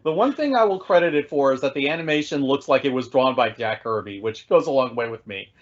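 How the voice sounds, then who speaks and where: A man co-hosting a podcast, speaking in a measured, reflective way with frequent pauses to think. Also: medium pitch, animated, dull audio. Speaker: podcast co-host. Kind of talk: casual podcast discussion.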